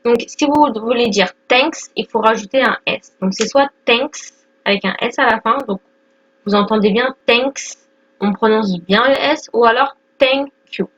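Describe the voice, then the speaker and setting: A young woman in her twenties walks learners through the basics in a casual lesson, pausing on fillers and checking in often. Her voice sits a little high. The recording sounds dull and lo-fi. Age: 20s. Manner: explains step by step with many fillers and "d'accord?". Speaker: English teacher.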